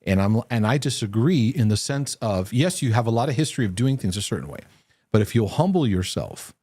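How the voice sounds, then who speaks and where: A man's lowish, slightly rough, somewhat mellow voice comes through a dry recording as he hosts a live Q&A broadcast. He offers reassuring, earnest faith-based teaching, with lots of restarts.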